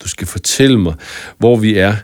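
A man's voice: fairly low pitch, close to an everyday voice. A man voicing a brave young girl who insists and urges in a raised voice. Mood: gentle, steady. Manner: urgent, insistent.

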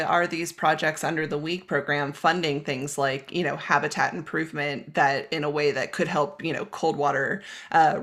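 A guest expert in a podcast conversation, explaining a grant program in a measured way, with frequent "um"s and long lists. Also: medium pitch, creaky, a bit bright. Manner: measured, many "um"s, lists items one by one.

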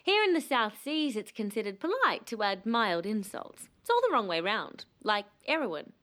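A woman's voice: mid-range voice, very animated, normal speed, a bit bright. A woman voicing a cheeky, rude talking dolphin that breezily throws out insults. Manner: breezy, tosses off casual insults.

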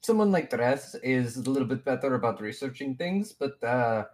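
Very deep-voiced woman running a tabletop game. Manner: relaxed, laughs easily, halting restarts. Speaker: game master.

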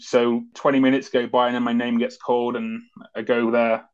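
A man's voice: mid-range voice, little pitch movement, moderate pace, smooth. A man, a former soldier, recounting events as an interview guest in a loose, conversational way with many fillers. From Britain. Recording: dull lo-fi audio.

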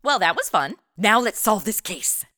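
A woman's voice: mid-range voice, very animated, moderate pace, bright, forceful tone, dry recording, studio quality. An actress playing a flippant, sassy young modern woman who fancies herself a sleuth, chatting in slang in a comedic radio drama. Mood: flippant, amused.

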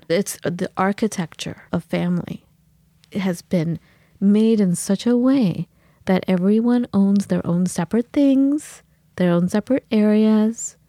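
A woman co-hosts a casual podcast, her voice mellow and dark. She tells her stories with animation and slips into the voices of the people she quotes. The sound is dry and close. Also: mid-range voice, no room sound. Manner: animated storytelling with acted-out quotes. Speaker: podcast co-host.

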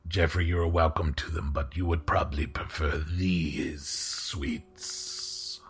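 A man voicing a genteel male host serving tea, speaking in a hushed, formal and polite manner. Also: very deep voice, fairly even intonation, slow, breathy edge, pitched below the performer's own voice, exaggerated voice. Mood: courteous.

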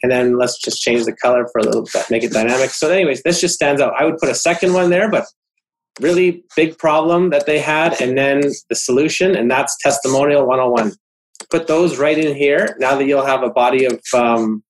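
A man's voice: mid-range voice, rough recording. A man giving a casual website critique on a video call, explaining each section of a page. He talks loosely, with fillers and restarts as he works through his points. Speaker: web design consultant.

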